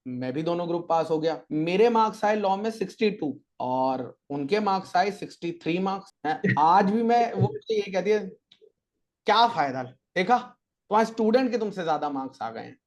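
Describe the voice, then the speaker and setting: A man's voice: fairly high pitch, a little mellow. A man in his thirties, a guest on a podcast, telling stories and giving motivational advice in a casual chat. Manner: chatty, storytelling, motivational. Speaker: podcast guest, chartered accountant teacher.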